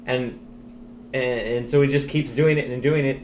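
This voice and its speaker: A man with a mid-pitched voice talks hesitantly, breaking off and starting his sentences over as he chats about a film. He sounds like he is in an echoey room, with a faint hum and hiss behind him. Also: steady tone, moderate pace, darkish tone. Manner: hesitant, many fillers and restarts. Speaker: podcast co-host. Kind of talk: casual movie chat.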